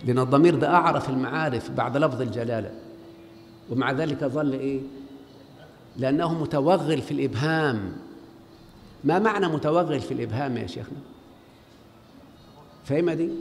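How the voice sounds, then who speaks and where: A man's voice: mid-range voice, fairly quick, long pauses. A man with an Egyptian accent lecturing on Arabic grammar in a large mosque, questioning his students call-and-response style. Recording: long hall reverb, faint background noise.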